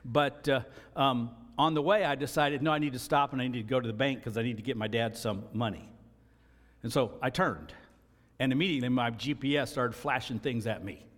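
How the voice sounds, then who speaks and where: A man's voice: medium pitch, brisk. A man preaching a sermon as pastor, earnest and emphatic, repeating key phrases for stress. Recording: long reverb of a large hall.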